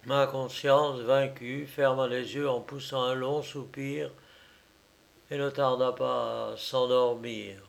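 A man narrating a story in a measured, theatrical audiobook reading. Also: mid-range voice, fairly even intonation, creaky.

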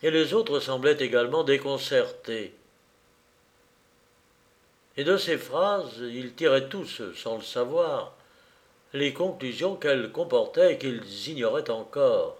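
Man, audiobook narration, slow, deliberate, mid-pitched. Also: expressive. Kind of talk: scripted narration.

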